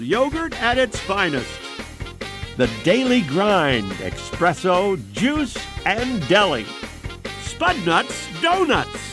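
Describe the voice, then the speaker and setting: A man reading out the sponsor list in an upbeat announcer's voice. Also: sits high. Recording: music bed under voice. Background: theme music.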